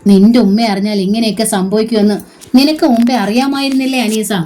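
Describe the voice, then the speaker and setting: A woman voicing a worried older male teacher who reasons gently with a girl. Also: fairly high pitch, fairly even intonation, fairly quick, natural voice. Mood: concerned.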